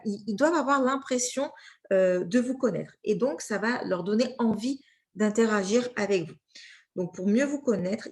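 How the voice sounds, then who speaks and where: A woman's voice: medium pitch, a little mellow. A woman with a French accent giving an informal training talk, chatty, with many fillers and frequent check-in questions to her listeners. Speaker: social media trainer.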